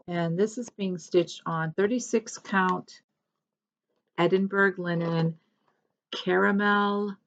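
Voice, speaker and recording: A cross-stitch vlogger with a lowish, creaky voice chats casually in show-and-tell fashion, rambling a bit and correcting herself as she goes. The audio is dull.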